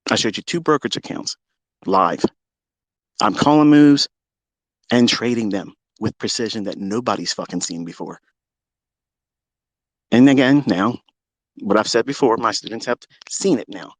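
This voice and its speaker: A man ranting as a trading mentor on a live audio call, boastful and full of swearing, taunting his challengers and swinging between loud jabs and low asides. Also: lively intonation, moderate pace, long pauses, no echo. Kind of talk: combative live-audio rant.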